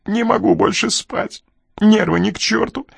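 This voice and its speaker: A man's voice: animated, moderate pace, creaky, husky, no room sound. A man voicing a frightened, nervous man in an audiobook, pleading and close to tears. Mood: fearful. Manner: shrill, pleading, frantic outbursts.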